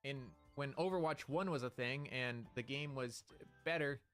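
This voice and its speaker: A male streamer at an everyday mid pitch, chatting in a playful, excited ramble. He jumps from bit to bit with plenty of energy. Light music sits faintly behind him. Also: moderate pace, clean tone. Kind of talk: casual live-stream chat.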